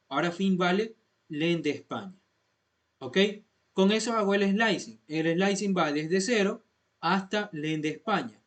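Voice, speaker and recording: Patient male coding teacher, slightly higher voice. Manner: patient, repeats points and checks understanding with questions. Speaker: programming instructor. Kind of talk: step-by-step coding lesson.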